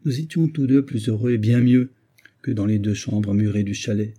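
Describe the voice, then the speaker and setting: A man reading the part of a gentle young wife and mother in a tender, pleading tone. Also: lowish voice, steady tone, normal speed, lightly acted.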